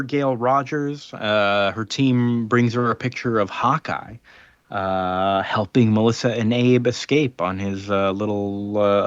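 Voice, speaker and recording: This podcaster has a medium-pitched, slightly bright voice, captured without echo and with the highs cut off. He recaps informally and conversationally, playing out the characters' lines in loose paraphrase.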